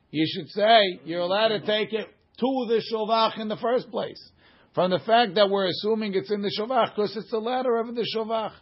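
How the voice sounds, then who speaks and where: A man teaching an informal Talmud class, reading and explaining the text emphatically in question-and-answer phrasing. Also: high voice. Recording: muffled lo-fi recording.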